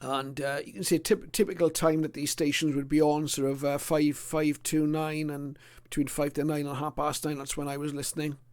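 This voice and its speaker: This older or middle-aged man's voice is fairly high yet darkish and smooth, held at a level tone. He pauses often and seems unscripted as he hesitantly presents an informal illustrated talk on his hobby.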